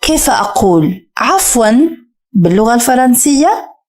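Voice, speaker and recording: A woman teaching a French lesson, speaking slowly and carefully and repeating each French word for the listener to copy. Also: fairly high pitch, big pitch swings, a little mellow. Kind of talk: scripted language lesson.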